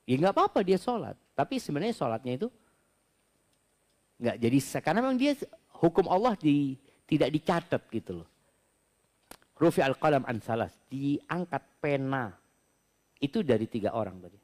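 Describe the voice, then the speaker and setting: A male preacher at a question-and-answer religious talk, speaking at an ordinary male pitch. He reads the questions aloud and then works through each answer in an easygoing, conversational manner, explaining step by step. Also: darkish tone.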